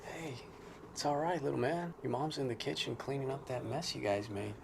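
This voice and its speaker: A man playing a soothing grown-up who calmly reassures a frightened little boy, in a noisy video played back on stream. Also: fairly quick, vocal fry, lightly acted. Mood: reassuring. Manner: low-key, reassuring.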